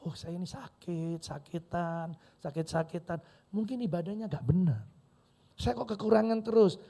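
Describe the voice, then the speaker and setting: A middle-aged pastor with an East Javanese accent preaches with animated swings, dropping into quick acted-out conversations. His voice is a touch husky and sits a little high for a man. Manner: lively preaching, switching to Javanese and acting out dialogues. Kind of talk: sermon. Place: large church hall.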